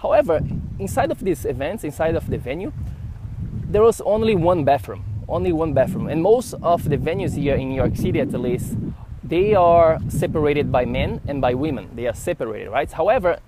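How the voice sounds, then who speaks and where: A man from Brazil with a Brazilian Portuguese accent, a podcast host telling a story casually to camera in an animated, rambling way. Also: a little high, normal speed, noisy background. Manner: animated, rambling with fillers and restarts.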